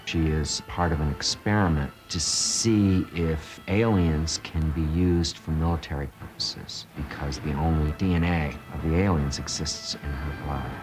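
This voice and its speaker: A man's voice: a bass voice, steady tone, unhurried, few pauses. A man giving an explanatory interview for a film documentary. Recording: music behind the voice.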